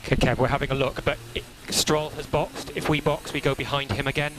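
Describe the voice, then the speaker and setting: A medium-pitched race engineer gives calm, procedural briefings over team radio, repeating key instructions in a measured way. The motor racing radio transmission is crackly and noisy.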